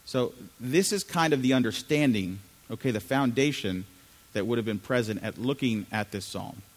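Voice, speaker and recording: A man's voice: mid-range voice, moderate pace. Middle-aged male pastor, conversational sermon, asks the room questions, long reverb of a church hall. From Chile. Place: church sanctuary.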